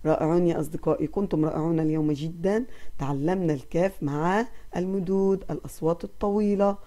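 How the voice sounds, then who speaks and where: Female kindergarten teacher, lowish warm voice, gentle praise, drawn-out sounds for children to repeat. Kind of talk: recorded online lesson for young children.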